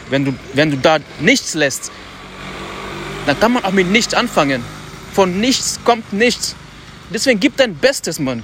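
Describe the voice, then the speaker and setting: A man talks himself through a motivational podcast monologue in a voice pitched a little high. He speaks loudly and loosely, tossing in slangy asides. He is recorded outdoors on a city street, with faint traffic noise behind him. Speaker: podcast host.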